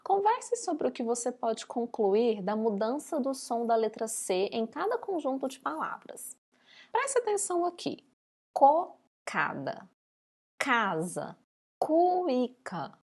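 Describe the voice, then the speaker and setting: A woman's voice: a little high, big pitch swings, unhurried, darkish tone. A Brazilian woman teacher giving a recorded lesson to young pupils, stretching out words syllable by syllable. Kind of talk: recorded remote school lesson.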